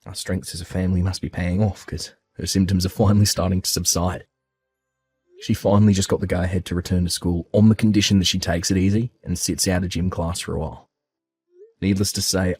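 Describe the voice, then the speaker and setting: Low husky man narrating a family story. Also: no room sound. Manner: calm, reassuring, heartfelt. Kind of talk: first-person story narration with acted dialogue.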